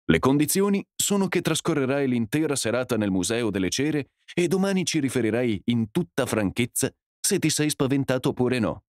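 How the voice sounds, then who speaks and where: A pushy young man goads a friend into a wager in a story reading, as a male narrator puts him on. The voice rises well above the reader's own, insistent and lively. The sound is close and dry. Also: medium pitch, normal speed, hardly any pauses, no echo, pitched above the performer's own voice, lightly acted. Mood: provoking. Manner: provoking, insistent. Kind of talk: audiobook character voice.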